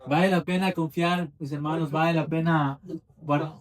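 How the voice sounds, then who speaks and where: A man's voice: on the high side, fairly even intonation, moderate pace, far from the mic. A man, preaching a fervent sermon in a church with repeated, rising emphasis. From Ecuador. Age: 20s.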